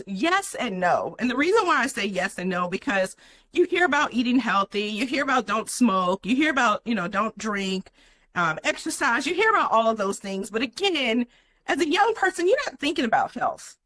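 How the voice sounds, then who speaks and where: A young adult woman speaks as an interview guest, her voice bright and a touch higher than most. She tells her own story earnestly and leans on "you know" as she goes. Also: sing-song, normal speed, poor audio.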